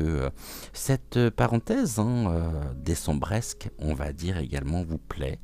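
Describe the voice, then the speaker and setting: Soft-spoken deep-voiced man reading cards. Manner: hesitant, frequent filler pauses; soft, soothing, welcoming. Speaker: oracle card reader, channel host. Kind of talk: gentle morning card-reading talk.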